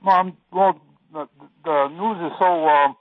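A man's voice: fairly high pitch, no echo. Man on a tinny tin-can phone line. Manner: halting, many "you know" fillers. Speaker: radio call-in caller. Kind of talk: casual call-in talk, quoting scripture.

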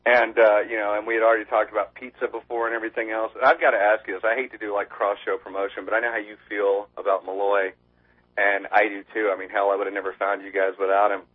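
Husky man calling in over the phone. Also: on the low side, flat delivery, fast talker. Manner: chatty, loose, swears casually. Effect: heard over the phone line. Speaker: radio show caller. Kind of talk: rambling casual chat. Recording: tinny phone line.

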